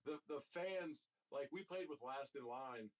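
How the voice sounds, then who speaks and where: A man's voice: mid-range voice, unhurried. Rambling young man on dull lo-fi audio. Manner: rambling storyteller, casual swearing, filler-heavy. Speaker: band member guest. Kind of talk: casual podcast chat.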